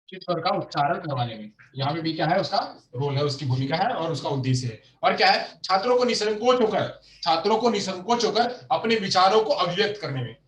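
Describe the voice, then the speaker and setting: High-voiced man teaching in an echoey room. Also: expressive, fairly bright tone, distant mic. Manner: repeats phrases slowly, asks and answers himself. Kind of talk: exam-prep lecture.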